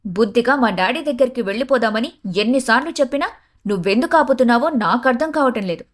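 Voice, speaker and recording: Storybook figure: scornful young wife, irritated and sharp, read by a woman. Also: on the high side, lively intonation, fast. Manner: sneering, irritated.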